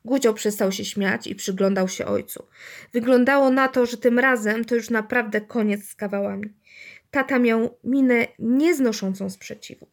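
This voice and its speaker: A woman reading a children's story aloud in a lively, expressive way. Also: on the high side. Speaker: narrator.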